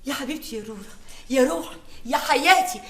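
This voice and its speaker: An actress with an Egyptian accent playing a dramatic, doting young woman in a TV comedy, theatrical and excitable. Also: sits high, quick pace, roomy sound, over loud music, lightly acted. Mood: gushing. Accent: Egyptian Arabic. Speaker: lead character Rora.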